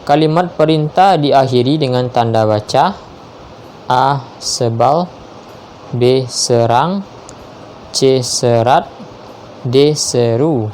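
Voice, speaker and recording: A man slowly reading multiple-choice quiz questions aloud and confirming each answer. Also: medium pitch, darkish tone, slight background noise. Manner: measured, spells out each option, confirms answers with "ya".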